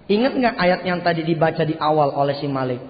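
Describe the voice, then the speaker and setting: A man preaching a sermon, telling a story in lively, colloquial speech and acting out the dialogue. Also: fairly high pitch, fast talker, long reverb tail, dull audio.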